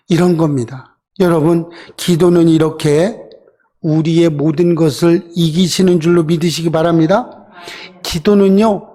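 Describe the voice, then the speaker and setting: A man's voice: sits high, darkish tone. A male pastor giving a conversational sermon, often asking the congregation rhetorical questions and briefly acting out quoted voices. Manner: acts out quoted voices in short dramatized asides.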